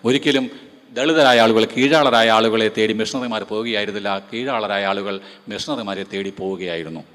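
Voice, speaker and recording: A man's voice: lowish voice, a little fast, fairly bright tone, long reverb tail. A man with a Malayali accent giving an emphatic lecture to seminary students and throwing rhetorical questions at them. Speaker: guest lecturer.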